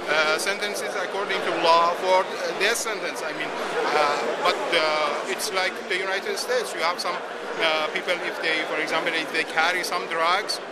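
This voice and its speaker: Halting higher-pitched man with Persian accent. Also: steady tone. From Iran. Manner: halting, hesitant, searching for words. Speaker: NGO delegate being interviewed. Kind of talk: interview answers. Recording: loud outdoor traffic and street noise.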